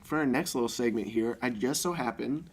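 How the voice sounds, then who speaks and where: A man hosts a podcast segment in a relaxed conversational style. His voice sits in a middle pitch range. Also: a little fast, a little hiss or hum. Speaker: podcast host. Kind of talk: casual segment hosting. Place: a religious gathering space.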